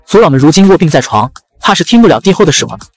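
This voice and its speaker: 男声演绎的傲慢跋扈的年轻贵族小姐. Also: female voice, sits low, very animated, rapid-fire, slightly rough, dry recording, soft background music, exaggerated voice. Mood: cool. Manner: scornful, domineering. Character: arrogant young noblewoman with a whip.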